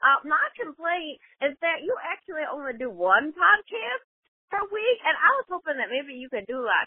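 Woman's high lively voicemail over a tinny line. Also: no room sound. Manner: playful, rambling, self-correcting. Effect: voicemail played over a phone line. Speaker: caller leaving a voicemail. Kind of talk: chatty phone message. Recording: dry tinny phone-line audio.

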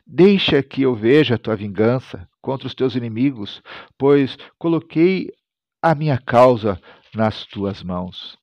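A male pastor reading scripture aloud in Portuguese-language worship style, dramatic, rising to loud cries on quoted lines. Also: mid-range voice, lively intonation, measured pace, no echo. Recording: dull lo-fi recording, dry.

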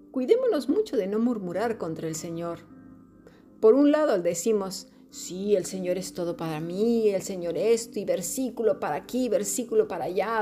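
Earnest woman teaching scripture, mellow voice. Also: medium pitch. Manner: earnest, exhorting, with rhetorical questions and acted-out quotes. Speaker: Bible teacher. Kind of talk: podcast Bible study teaching.

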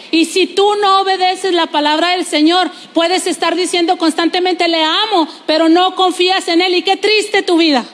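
Woman pastor, very high voice, lively sermon, long church-hall reverb. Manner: lively preaching with testimony and playful asides.

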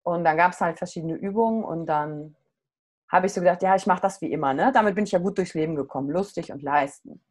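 A middle-aged woman, a coach, telling a personal story in casual conversation, candid and animated. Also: on the low side, fast.

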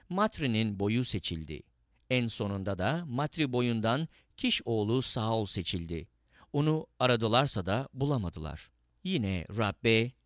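Male Bible reader, animated delivery, dry studio sound. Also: medium pitch, dry recording. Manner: lively, lifts his voice for quoted speech. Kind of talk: scripted scripture reading.

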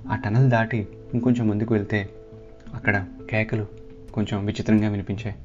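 Low-voiced man narrating a story. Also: level tone, fairly quick. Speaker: podcast host and narrator. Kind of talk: first-person story narration. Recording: slightly dull, soft guitar behind.

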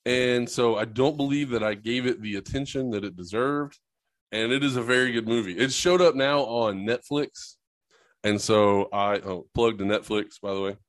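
A man co-hosting a casual sports podcast, trading crude jokes with his friend. He laughs often and swears freely in a loose, offhand way. His pitch sits in the middle range for a man. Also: moderate pace, dry recording. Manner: joking, laughs often, profane. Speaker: podcast co-host.

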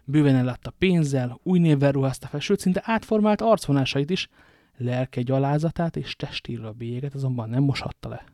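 A man voicing a cold, grim nobleman in a storybook reading, speaking low and measured. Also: mellow, no echo, studio quality, lightly acted.

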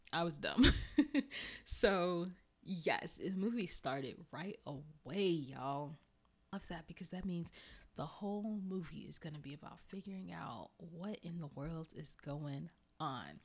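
A woman's voice: fairly low pitch, darkish tone. A woman hosting a podcast in a casual, chatty way, laughing often and tripping over her words. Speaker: podcast host reviewing a movie. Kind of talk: casual chat.

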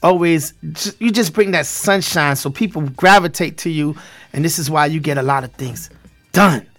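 A high-voiced man with a Brooklyn accent hosts a live talk show. He speaks casually and hypes things up, circling back to repeat his phrases for emphasis. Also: normal speed, fairly bright tone, soft background music. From Brooklyn, New York. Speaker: radio show host.

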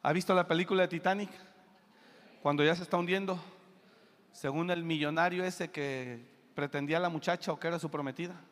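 A man preaching a sermon, emphatic, swinging from loud bursts to low asides. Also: steady tone, a little fast. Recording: long reverb of a church hall.

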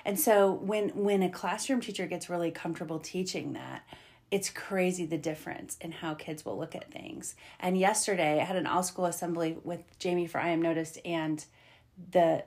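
A woman's voice: lowish voice, a little mellow. A woman hosting a podcast interview, affirming and enthusiastic toward her guest. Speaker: podcast host. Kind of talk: casual interview.

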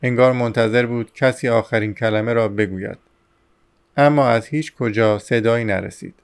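A man reading a novel aloud as an audiobook narrator, steady and measured. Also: medium pitch, smooth.

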